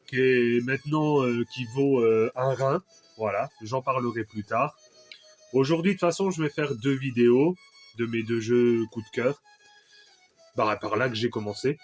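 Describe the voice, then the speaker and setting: A French man chatting casually about an old video game, rambling with many fillers and restarts. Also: medium pitch. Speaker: retro game collector vlogger. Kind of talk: casual chat.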